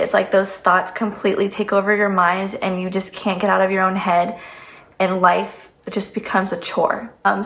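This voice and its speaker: A woman's voice: mid-range voice, vocal fry. A young woman in her twenties telling a personal story in a sit-down vlog, heartfelt and near tears, with many "like" fillers. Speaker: vlogger. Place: home, seated.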